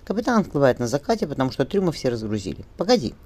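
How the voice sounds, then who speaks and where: A man's voice: medium pitch, big pitch swings, very fast, darkish tone, pitched above the performer's own voice. A man reading an audiobook and voicing a resolute young mother, firm and tender with her daughter, his voice raised somewhat. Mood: determined.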